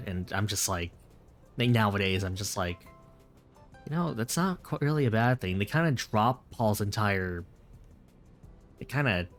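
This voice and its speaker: On a late-night stream, a man with a fairly low voice chats casually, rambling, restarting sentences and correcting himself as he answers viewers. Soft music plays faintly in the background.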